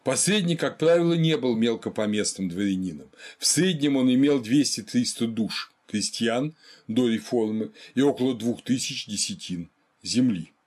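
A man giving a history lecture in a measured way, reading quotations aloud within it. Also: mid-range voice, expressive, darkish tone.

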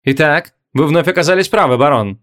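A man's voice: a little high, expressive, fairly quick, a bit bright. Man reading a courteous king. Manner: courteous, composed. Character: polite, thoughtful middle-aged king.

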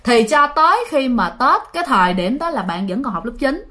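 Brief: Southern Vietnamese woman, fairly high voice, chatty ghost-story narrator. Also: sing-song, moderate pace, pushed and bright. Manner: chatty, addresses listeners directly.

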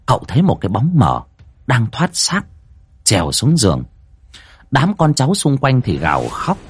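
A man's voice: medium pitch, husky, no echo. A man narrating a ghost story dramatically and acting out every voice. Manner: animated, acts out all the voices.

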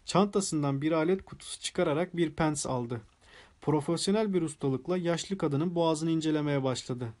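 Man, audiobook narrator, steady storytelling, somewhat high voice. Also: moderate pace. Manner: steady storytelling with acted dialogue. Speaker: audiobook reader.

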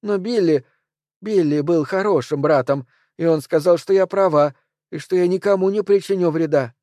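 Unstable gun-waving woman, high and shrill, male reader doing her. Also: normal speed, dark tone, no room sound, clean studio sound, lightly acted. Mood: agitated. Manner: shrill, emotional outbursts.

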